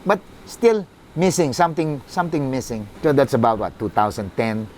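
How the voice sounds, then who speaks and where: Middle-aged Filipino-accented club executive, earnest storyteller, even pitch, light noise floor. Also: male voice, normal speed. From Philippines. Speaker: football club CEO. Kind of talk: personal storytelling.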